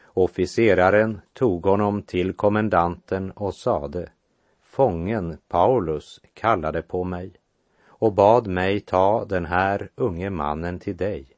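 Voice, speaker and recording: A man reading scripture aloud and commenting on it in a measured way, slowing down to stress key phrases. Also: sits low, no echo. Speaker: Bible teacher.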